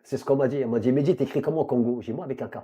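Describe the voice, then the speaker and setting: A man hosting a talk show, chatting with his guest in a chummy, lively way and slipping into short speeches. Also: medium pitch, rapid-fire, husky, dull audio. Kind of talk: casual interview chat.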